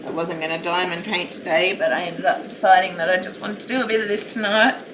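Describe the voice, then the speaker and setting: Talking fast, a woman with a naturally loud, slightly low voice chats in a rambling, self-deprecating way as she crafts at home on a live stream. She sits back from the mic in a roomy space, and a constant background noise runs beneath her.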